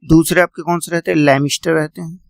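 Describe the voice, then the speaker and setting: A male teacher lectures with a raspy, gravelly edge to a somewhat high voice. He drills his students by asking questions and then answering them himself, calling them "beta". The sound is dry and close, with no room around it. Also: fairly even intonation, fast talker, no room sound. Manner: repeats key points and quizzes students. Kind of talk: classroom lecture.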